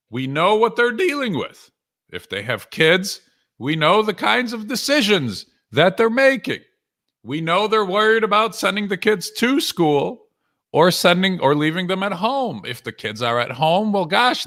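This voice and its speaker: His high voice comes across pushed and bright as this sales coach and author hosts a live webinar. He chats with viewers in punchy short lines, frequently dropping rhetorical questions.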